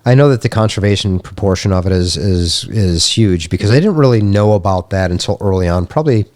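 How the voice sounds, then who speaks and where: A man's voice: deep voice, animated, fairly quick, a little mellow, no echo. A man hosting a podcast, talking in a candid, rambling way and swearing casually. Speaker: podcast host. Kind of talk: casual chat.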